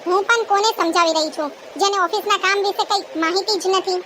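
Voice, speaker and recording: A woman voicing a bossy, sharp-tongued young wife in a cartoon, scolding and taunting. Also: very high voice, fairly even intonation, quick pace. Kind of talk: cartoon voice acting. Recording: noisy background hiss.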